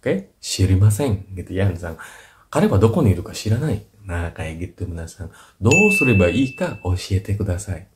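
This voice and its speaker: A man teaching in a casual, chatty way, trailing off softly at the ends of his lines. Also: sits low, very animated, normal speed. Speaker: Japanese language teacher. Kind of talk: casual lesson in short clips. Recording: noisy recording with clicks.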